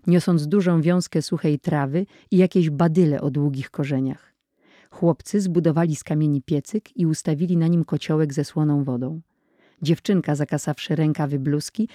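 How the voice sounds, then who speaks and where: A narrator reading an adventure story aloud in a measured, even audiobook style. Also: medium pitch, no room sound, studio quality.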